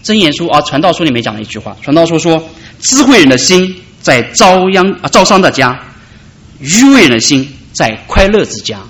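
A man preaching a sermon, calling out loudly at high points and dropping soft in between. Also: sing-song, a little fast. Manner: preaching with dramatic rises and soft drops. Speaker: pastor.

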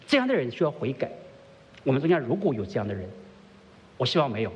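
A man preaching a sermon as pastor to a congregation at a church service. He keeps asking his listeners questions, swings between soft and emphatic delivery, and drops English words into his speech. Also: mid-range voice, big pitch swings, fast, in a large hall, dull audio.

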